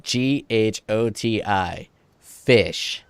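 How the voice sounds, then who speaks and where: A man with a low, smooth voice chatting casually as he reacts to a video on stream, swearing freely and gushing with enthusiasm. The sound is close and dry, with no room around it. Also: drawn-out words, no echo. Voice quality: profane, enthusiastic.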